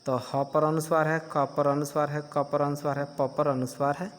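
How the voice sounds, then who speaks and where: A man's voice: a little high, little pitch movement. A male teacher giving a grammar lesson to children, patiently asking questions and answering them himself. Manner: slow, patient explaining. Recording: long hall reverb.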